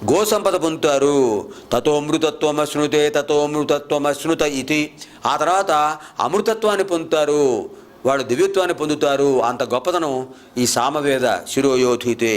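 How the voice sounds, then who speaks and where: A man giving a spiritual discourse, chanting verses slowly and then explaining each one quickly. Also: a little high. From India. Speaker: spiritual lecturer.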